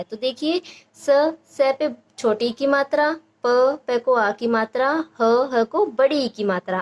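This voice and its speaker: A young woman teaching a phonics lesson, with a fairly high voice. She breaks words into syllables and draws each sound out slowly and patiently. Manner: slow, drawn-out syllable-by-syllable sounding out. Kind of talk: Hindi phonics lesson for parents.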